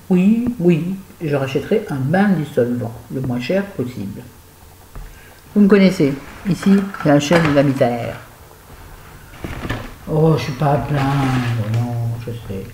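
A woman's voice: low-pitched, darkish tone. A woman chatting casually to her viewers as she reviews used-up beauty products, with wry, self-mocking asides. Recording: roomy echo, faint background noise.

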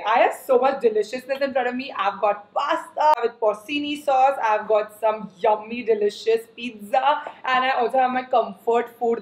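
A woman's voice: a little high, reverberant, low-quality recording. A young woman with an Indian accent, chatting casually on camera as a beauty and lifestyle vlogger while she eats. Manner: chatty, mixes Hindi and English.

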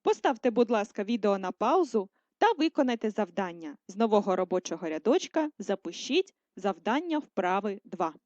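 A female primary school teacher giving a recorded writing lesson, dictating words slowly and clearly for first graders. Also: mid-range voice, sing-song, a little mellow, no echo. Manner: slow, clear dictation, syllable by syllable. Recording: dry, dull lo-fi voice recording.

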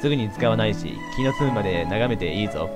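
A man doing a gruff old-time father. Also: fairly low pitch, animated, fast talker, lightly acted. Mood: firm. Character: gruff stern father of the past era. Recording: game music behind.

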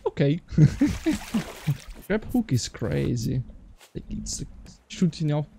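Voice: mid-range voice, animated, a little slow, vocal fry, over a noisy crowd. A player hosting a casual co-op game session, joking and giggling often. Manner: playful, giggly, sing-song. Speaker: co-op gamer, channel host. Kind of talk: casual gaming chat.

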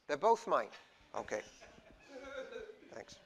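Slow, creaky and sing-song, a slightly high male voice comes through against a noisy background. The speaker is a young Welshman preaching as a guest in a small church hall, chatty and self-deprecating, gesturing freely as a lapel mic records his informal sermon.

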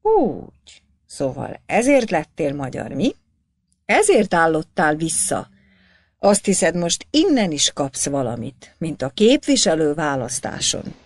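A woman voicing a scornful, shouting male village notary who mocks and barks at a visitor. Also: fairly low pitch, very animated, no echo. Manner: sneering, mocking, barking.

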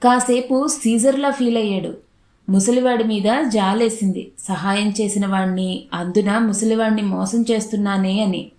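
A woman reading a literary short story aloud in a steady, unhurried narrating voice. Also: medium pitch, echoey room.

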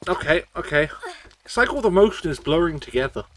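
A man's voice: a little high, very animated, brisk, a bit bright. A man streaming a video game, swearing and rambling as he gets tipsy from shots. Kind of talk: casual gameplay commentary.

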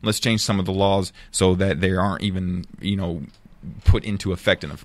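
A man's voice: low voice, fairly even intonation, a little fast. A man talking passionately as a podcast guest, often repeating words as he works through a thought. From United States. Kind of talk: casual discussion.

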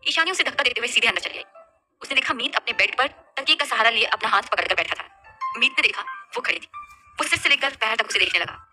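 A woman narrating a romance story in a lively, expressive scripted reading. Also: fairly high pitch, fairly quick, music in the background.

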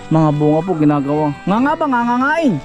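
High-voiced chatty man vlogging outdoors. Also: very animated, brisk, darkish tone, faint music behind. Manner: chatty, keeps coaxing and cautioning a helper. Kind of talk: casual outdoor vlog narration. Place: outdoors in rural woodland.

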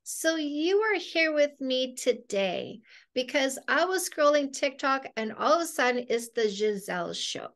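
A woman's voice: high voice, very animated, unhurried, hardly any pauses. A middle-aged woman from Canada, a dating coach hosting an interview over a video call from her living room, speaking with effusive enthusiasm. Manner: effusive, warm affirmations.

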